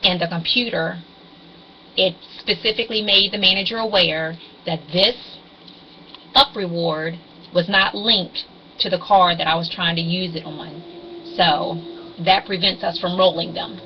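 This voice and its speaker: This couponing vlog comes from a woman in her forties who talks haltingly into her webcam, filling gaps with lots of ums as she rambles through a casual explanation. Her fairly low voice stays fairly even, and she speaks unhurriedly. The recording is muffled and fuzzily distorted, with slight background noise.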